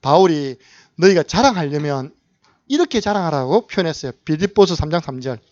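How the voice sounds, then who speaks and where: Male pastor, sermon, slightly high voice, asks the congregation questions, dry muffled recording. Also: a little fast, no room sound. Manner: lively preaching, asks the congregation questions and acts out short dialogues.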